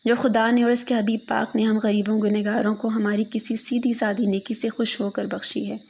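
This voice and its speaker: A woman reads a literary story aloud as a mournful lament. Her voice is husky and gravelly, sitting a little high. She speaks to a lost daughter throughout. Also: little pitch movement, a little mellow.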